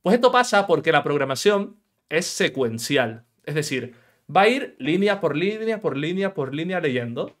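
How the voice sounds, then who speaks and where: Lively, playful young Spanish coding teacher. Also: male voice, a little high, normal speed. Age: 20s. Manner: playful and joking, asks the viewers questions. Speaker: programming instructor. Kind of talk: screen-recorded coding tutorial.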